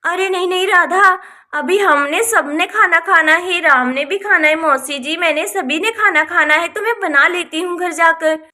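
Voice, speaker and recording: A woman voicing a busy, practical young village woman in a doll story, speaking briskly. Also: very high-pitched, bright, forceful tone. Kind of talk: Hindi doll-story voice acting.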